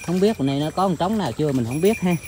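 A man talking casually to his viewers outdoors, rambling with many filler pauses. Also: fairly high pitch, expressive, a little mellow, slight background noise. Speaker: bird-trapping vlogger. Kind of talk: casual outdoor vlog narration. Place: outdoors in countryside.

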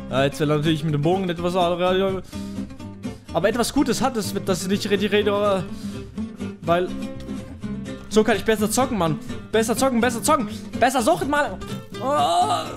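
A man giving casual let's-play commentary as a YouTube gamer, halting and restarting his words, excitable and yelling as he plays. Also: high-pitched. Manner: halting, stumbling over words, restarting often; excitable, shouting and laughing while playing. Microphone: headset.

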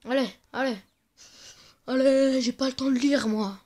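Slow-talking young woman gaming. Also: high voice, steady tone. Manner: playful, trash-talks the game, often mutters softly. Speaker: gamer. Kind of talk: casual let's-play commentary.

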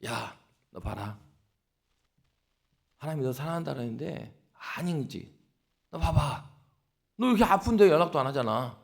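A man's voice: on the high side, lively intonation, normal speed, creaky, long pauses. A man voicing a sly male devil who whispers mocking doubts to a believer. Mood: taunting. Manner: mocking, needling.

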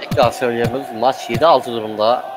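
A man adding relaxed, joking color commentary to an online football game, chatting with his partner between plays. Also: mid-range voice, fast, music in the background. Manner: relaxed joking asides, addresses partner as hocam. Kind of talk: casual esports color commentary.

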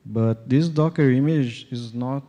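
Young Brazilian man, Portuguese accent, giving a tech conference talk: slow and mellow, stop-start delivery, long hall reverb. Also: medium pitch. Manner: halting, many fillers and restarts. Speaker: conference speaker.

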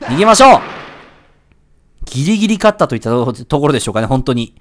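A man giving excited commentary while playing a video game, yelping and shouting whenever he takes a hit. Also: mid-range voice, fast talker, slight background noise. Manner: excitable, yelps and shouts at hits. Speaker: let's play gamer.

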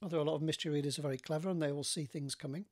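A man, an author chatting casually about his writing with many pauses and restarts. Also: fairly high pitch, steady tone, a little mellow. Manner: rambling, many fillers and restarts. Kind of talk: casual chat to camera.

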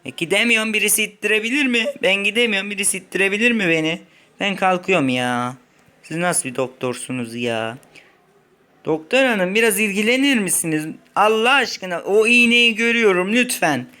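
A man's voice: sits high, animated, a little fast, sharp tone. A male gaming host in a playful role-play, playing a whiny, complaining patient with mock drama.

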